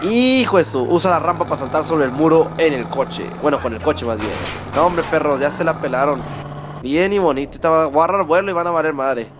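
A man with a Mexican accent doing excited, swearing gameplay commentary as a gaming host. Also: a little high, brisk, over music. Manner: excitable, swearing, mock-shouting at the game.

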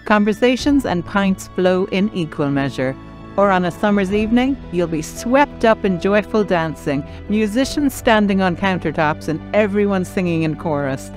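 A woman's voice: mid-range voice, animated, normal speed. A woman with an Irish accent presenting a travel programme in scripted narration. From southern Ireland. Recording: light music behind the narration.

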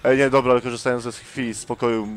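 A man's voice: mid-range voice, level tone, fast, noisy background. A man doing let's play commentary on a horror game, tense and jumpy, muttering to himself.

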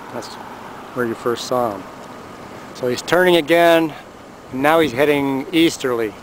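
A man filming the sky outdoors, giving a casual, amused running commentary into his handheld camera's microphone. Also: on the high side. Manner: amused, chatty, pointing things out. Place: outdoors, by the road and in a car. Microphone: handheld camera mic. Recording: noisy outdoor camera audio. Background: traffic and outdoor noise.

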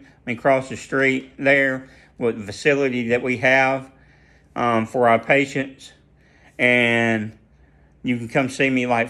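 A man with a mid-range, sharp-toned voice shares a personal faith testimony, telling it casually like a story. He's earnest and tends to repeat and restart his phrases.

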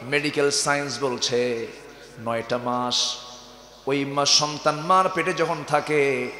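A man preaching a waz sermon to a crowd. He keeps firing rhetorical questions at the audience and swings from hushed lines to shouts. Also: mid-range voice, fairly even intonation, takes it slowly. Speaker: Islamic preacher. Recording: echoey hall with long reverb.

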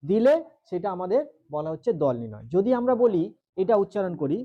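This grammar class is led by a male teacher with a West Bengal Bengali accent who drills students, asks them questions, and elongates his syllables. He sits high in pitch, is very animated, and moves fairly quickly, though the audio is narrow and tinny.

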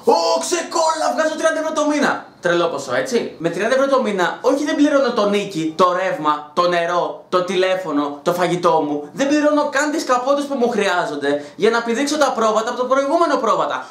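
A man's voice: high-pitched, animated, hardly any pauses, fairly bright tone. A man ranting in a casual vlog, sarcastic, crude and mocking, talking at home. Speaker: YouTuber. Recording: roomy echo.

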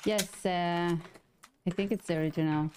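A woman streaming a game from home, chatting casually with viewers through a headset in a relaxed, chatty way and laughing often. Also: on the low side, normal speed, slight background noise. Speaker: gaming streamer. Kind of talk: casual chat to viewers while gaming.

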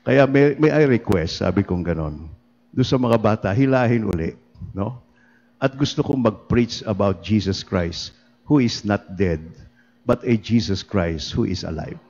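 Chatty priest in an echoing church. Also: male voice, fairly low pitch, measured pace. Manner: lively, chatty, often laughing. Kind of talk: humorous sermon storytelling. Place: church during livestreamed mass. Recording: dull reverberant church livestream.

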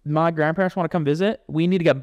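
A man co-hosting a casual podcast chat, telling stories in an animated way, acting out folksy voices and swearing casually. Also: a little high, racing, no room sound, muffled recording. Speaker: podcast co-host.

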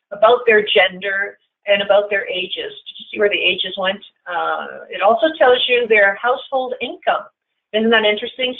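A woman who works as a digital marketing consultant, giving a chatty, upbeat tutorial as she walks through software features on screen. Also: mid-range voice. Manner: chatty and upbeat, often calling features cool. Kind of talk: screen-share tutorial walkthrough. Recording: narrow phone-like audio.

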